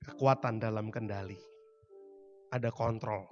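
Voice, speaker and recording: A man preaching a sermon, telling stories dramatically and swinging from quiet to loud. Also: on the low side, fairly even intonation, unhurried, highs cut off, soft background music. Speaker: pastor.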